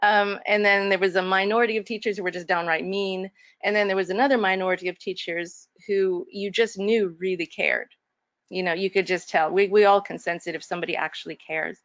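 A woman's voice: medium pitch, steady tone, a little fast, fairly bright tone, dry recording, muffled recording. A woman instructor speaking earnestly and reflectively in an online faculty workshop, with frequent fillers and restarts. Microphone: video call.

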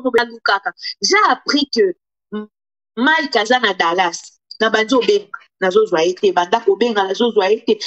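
A woman with a high, bright, sharp voice delivers indignant commentary as a YouTuber. She slips between Lingala and French as she talks to camera. The recording sounds dull and lo-fi.

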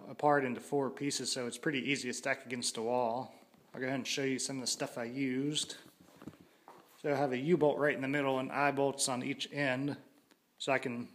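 In a garage, a man with a mid-range, slightly bright voice walks through a DIY build casually, filming it on a handheld phone. He's a hobbyist who talks plainly and haltingly, often restarting mid-sentence.

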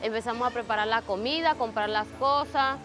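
A young Venezuelan woman, a migrant mother, speaking plainly and with feeling in a halting street interview in an outdoor shelter. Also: a little high, music in the background.

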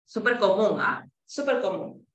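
A woman teaching an English pronunciation class, slowly modeling vowel sounds for students to repeat and slipping between two languages. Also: mid-range voice, animated, reverberant. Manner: slow and deliberate, drawing out each vowel and code-switching to English.

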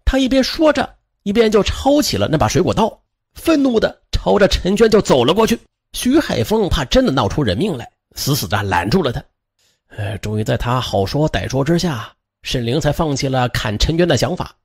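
Husky, lively male crime-story narrator. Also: fairly high pitch, a little fast. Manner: lively, with frequent fillers and moralizing asides.

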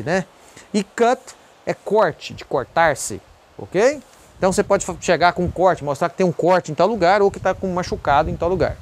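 A man's voice: high voice, a little hiss or hum. A man with a Brazilian Portuguese accent teaching an English vocabulary lesson outdoors in a breezy spot at a country property, in a chatty way, repeating each word for practice. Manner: chatty, repeats words for drilling. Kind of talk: casual video lesson.

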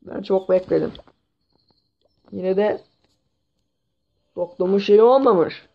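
A man's voice: high voice, takes it slowly, creaky. Sick young man swearing through gameplay. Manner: excitable, swears at the game. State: sore throat, sick. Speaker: gaming channel host. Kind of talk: gameplay commentary. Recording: dull lo-fi mic with faint hiss.

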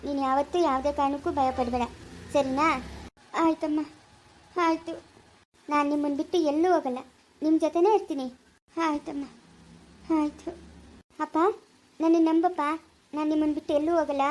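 A young woman playing a loving daughter who soothes and reassures her parents, repeating herself gently, in a family short drama. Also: sits high, steady tone, moderate pace, long pauses, close to an everyday voice, rough recording. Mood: reassuring.

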